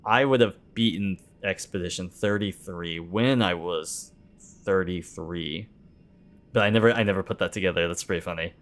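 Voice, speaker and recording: Low-voiced thirties man streaming a game. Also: moderate pace. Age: 30s. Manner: relaxed, rambling, muttering to himself, laughing and swearing. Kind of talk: casual livestream chat while playing.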